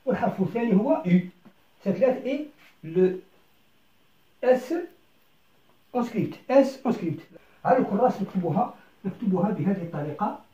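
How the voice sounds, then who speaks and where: A French teacher giving a beginner lesson, switching between French and Arabic, speaking slowly and breaking each word into syllables and repeating them. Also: mid-range voice, expressive, dark tone. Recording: roomy, slightly dull recording.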